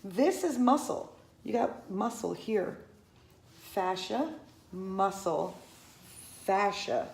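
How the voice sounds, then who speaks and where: A fifty-ish woman who teaches Pilates chats to the camera in a casual vlog, rambling along, frequently restarting and drifting into asides. Her medium-pitched, expressive voice has a darkish tone and some vocal fry, and she speaks slowly with frequent pauses. The room sounds echoey.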